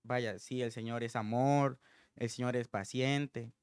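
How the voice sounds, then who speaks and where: A man's voice: mid-range voice, steady tone, unhurried, clear, resonant tone, no room sound, clean studio sound. A man preaching an informal sermon in an earnest, thinking-aloud way.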